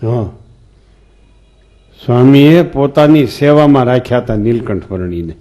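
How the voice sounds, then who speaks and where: This swami's mid-range voice is warm, with lively intonation and a measured pace. His sermon on scripture mixes folksy tales with questions posed to the listeners.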